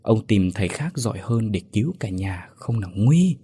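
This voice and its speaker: A man's voice: on the low side, animated, moderate pace, warm tone, slightly rough. A man voicing a grave old spiritual master who solemnly declines to help.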